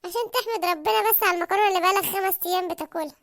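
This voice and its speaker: A woman's voice: extremely high pitch, fairly bright tone. A woman voicing a nagging, thrifty housewife in a cartoon, with an Egyptian accent and a sarcastic, scolding manner. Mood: mocking. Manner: scolding, sarcastic, quick retorts. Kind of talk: cartoon comedy voice acting.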